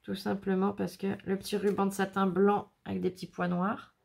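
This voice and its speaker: A woman's voice: medium pitch, little pitch movement, normal speed, gravelly, darkish tone. A woman chatting casually as she unboxes handmade scrapbook albums, exclaiming and laughing often. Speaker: scrapbooking vlogger.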